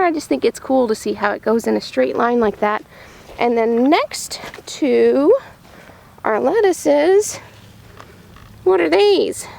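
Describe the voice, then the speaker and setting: With a high-pitched voice that is gravelly and a little mellow, a woman farmer shows preschoolers around her vegetable farm's growing tunnels and outdoor beds, keeping her show-and-tell narration upbeat and simple.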